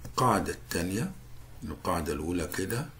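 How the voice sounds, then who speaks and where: Deep-voiced Egyptian male teacher. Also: expressive, racing, fairly bright tone, slight background noise. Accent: Egyptian Arabic. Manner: repeats each word and then translates it. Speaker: French teacher. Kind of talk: explaining a language lesson.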